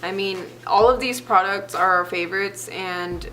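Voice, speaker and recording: A woman's voice: mid-range voice, unhurried, fairly bright tone, faint music behind. A woman co-hosting a beauty vlog, chatting casually and chipper as she wraps up. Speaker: beauty vlogger co-host. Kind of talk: casual chat.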